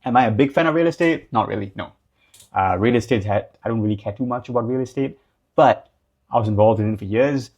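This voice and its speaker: A young man from Singapore talks through business advice in a relaxed, conversational way, often padding his sentences with "like" and "um". His voice sits a little low. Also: husky. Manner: loose and conversational, many fillers like "like" and "um". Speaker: business coach. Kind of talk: casual talking-head advice.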